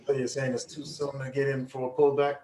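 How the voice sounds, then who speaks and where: A man on a live trading stream who reacts excitedly to market moves with whoops and exclamations. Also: medium pitch, a little fast, background noise. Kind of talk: casual live trading chat.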